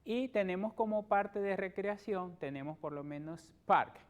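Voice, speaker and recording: A male English teacher with a Venezuelan Spanish accent and a slightly high voice leads a broadcast lesson. He speaks patiently and keeps checking in with "ok". He slows right down to drill English words one by one. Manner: slow, careful English pronunciation drills. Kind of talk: televised lesson.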